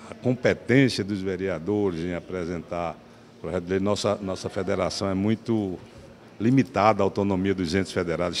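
An older man with a Brazilian Portuguese accent, a chief attorney answering in a TV interview. He speaks slowly and deliberately with fillers, into a handheld mic. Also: low-pitched, a little mellow, a little hiss or hum. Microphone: handheld TV mic held close.

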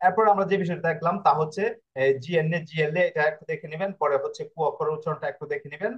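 A man's voice: fairly high pitch, steady tone, very fast, lo-fi sound. A man teaching Italian pronunciation in an online class. He explains in a repetitive way and keeps checking with his students.

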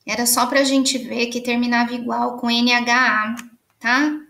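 A woman's voice: a little high, fairly even intonation, measured pace, creaky, bright, forceful tone, roomy sound. A Brazilian woman teaching young children in an online literacy lesson, patiently stretching out words as she marks them. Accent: Brazilian Portuguese.

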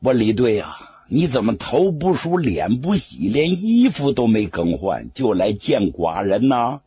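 A storyteller voicing an imperious male ruler of old who questions in a commanding way, with a raspy voice. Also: medium pitch, very animated, a little slow, dark tone, pitched below the performer's own voice, exaggerated voice. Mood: stern. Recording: dull lo-fi recording.

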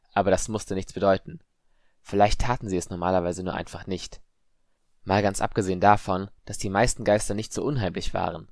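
A man narrating an audiobook in an even, measured storytelling manner. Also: low voice, no echo, studio quality. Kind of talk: scripted narration.

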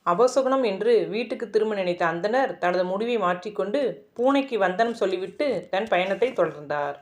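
Calm woman telling a moral story. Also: medium pitch, moderate pace. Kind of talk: children's moral story narration.

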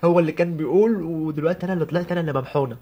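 A man's voice: a little high, heavy background noise, natural voice. A man with an Egyptian Arabic accent voicing a young newlywed woman who complains to her mother on the phone in a comic sketch, whiny and indignant. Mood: aggrieved. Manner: whiny, indignant, rapid rambling. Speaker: comedian.

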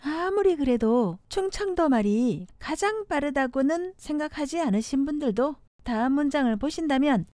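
A woman reading a scripted narration, announcing each item in a measured, list-like way. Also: high-pitched, lively intonation, warm tone, no room sound, clean studio sound.

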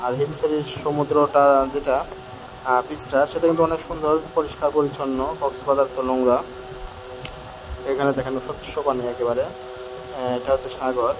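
A man's voice: mid-range voice, level tone, normal speed, long pauses. Chatty man vlogging outdoors, noisy phone audio. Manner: chatty, frank and complaining, addresses viewers directly. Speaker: travel vlogger. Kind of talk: walking travel vlog commentary. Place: outdoors on hillside stairs. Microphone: handheld phone camera.

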